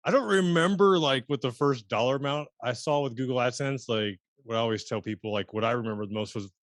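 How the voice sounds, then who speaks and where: A man hosting a podcast interview, relaxed and affirming in casual conversation. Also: medium pitch, quick pace, no room sound, studio quality. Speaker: podcast host.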